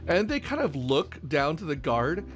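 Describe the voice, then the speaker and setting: A man's voice: on the high side, big pitch swings, moderate pace. Rambling game master man, faint music. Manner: rambling, lots of fillers. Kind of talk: narrating a tabletop game.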